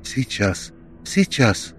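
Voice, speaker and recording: A man voicing a flustered young man who mumbles in a daze. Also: faint music behind. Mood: dazed. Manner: hurried, mumbling.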